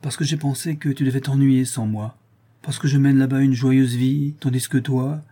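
A man's voice: mid-range voice, steady tone, moderate pace, warm tone, breathy edge, close to an everyday voice. A man reading an audiobook voices a vain, cheerful nobleman in a gallant, self-satisfied manner.

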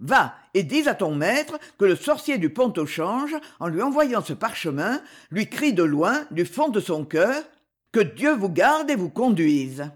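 A man reading the part of a calm, solemn male sorcerer in an audiobook, speaking slowly and gravely. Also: high voice, heavily acted. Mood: urgent.

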